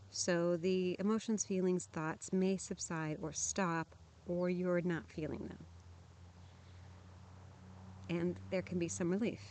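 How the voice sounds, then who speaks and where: A medium-pitched, slightly mellow voice comes through with a little hiss or hum. Outdoors at a campsite, a vlogger talks candidly to camera about lived experience, frank, earnest, and plainspoken, restarting sentences often.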